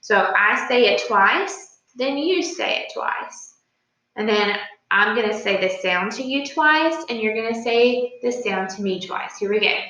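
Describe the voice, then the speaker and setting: A woman's voice: mid-range voice, normal speed, pushed and bright. A woman teacher giving an informal, instructional video lesson to young children. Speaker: early-grade teacher. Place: indoor room at a smartboard. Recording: very echoey room, slightly distant mic.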